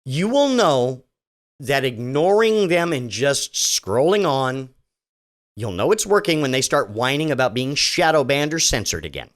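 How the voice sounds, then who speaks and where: This middle-aged podcast host talks alone in a casual, sarcastic ramble full of restarts. He speaks in a mid-range, sing-song voice without hurrying.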